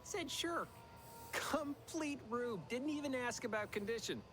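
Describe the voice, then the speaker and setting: An actor playing a nervous, scheming corporate clerk in a video game, talking in a folksy, fast-running way. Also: male voice, very high voice, expressive, fairly bright tone, slight background noise, exaggerated voice.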